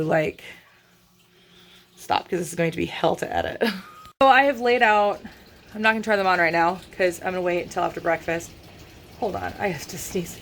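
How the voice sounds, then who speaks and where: Congested lady rambling on her vlog, kinda low voice, dry sarcastic jokes. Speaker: vlogger. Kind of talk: casual vlog chat.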